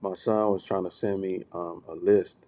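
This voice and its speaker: A man's voice: deep voice, fairly even intonation, moderate pace, dark tone. A middle-aged man co-hosting a casual podcast chat, telling stories and often repeating his words. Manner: storytelling, repeats words, often says "you know what I'm saying". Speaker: podcast co-host.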